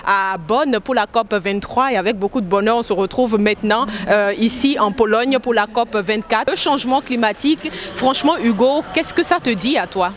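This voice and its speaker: A woman's voice: fairly high pitch, moderate pace, hardly any pauses. A woman hosting a web TV show, doing a friendly on-site interview with a few hesitations. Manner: friendly questioning, some hesitations. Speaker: web TV host.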